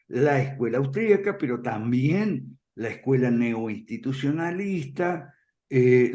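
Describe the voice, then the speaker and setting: A man explaining ideas in conversation, firm and emphatic, often checking in with a quick "ok?" and soft chuckles. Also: medium pitch. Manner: emphatic, repeats points firmly. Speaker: guest speaker on classical liberalism.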